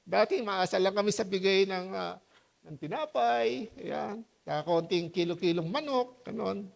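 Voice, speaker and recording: High-voiced male pastor preaching conversationally. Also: measured pace, gravelly. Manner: conversational preaching with frequent rhetorical questions to the congregation; lively, with high-pitched voiced quotes and laughter. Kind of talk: sermon.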